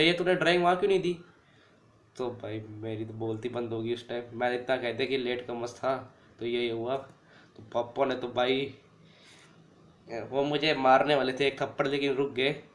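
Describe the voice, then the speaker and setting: A young man in his late teens telling school stories in a casual, chatty way, often calling listeners "bhai". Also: on the high side. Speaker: vlogger. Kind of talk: casual storytelling. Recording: roomy echo.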